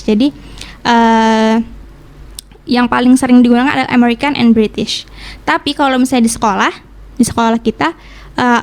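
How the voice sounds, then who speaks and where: A woman's voice: on the high side, darkish tone. A woman from Indonesia giving a casual English lesson on the radio, switching between Indonesian and English and explaining patiently with examples. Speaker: English teacher.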